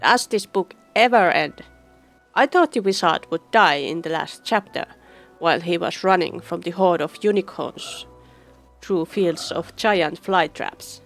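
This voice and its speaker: A woman's voice: on the low side, a little slow, fairly bright tone, faint music behind. A woman voicing a snide gnome in a video game who talks in a sneering way. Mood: scornful.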